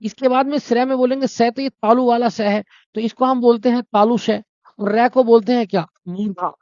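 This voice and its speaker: A man's voice: very high-pitched, steady tone, brisk, a little mellow, no room sound. A man teaching a Hindi exam-prep lesson, explaining step by step, asking his own questions and answering them, and calling his students brother and friends. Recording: dry, dull lo-fi sound.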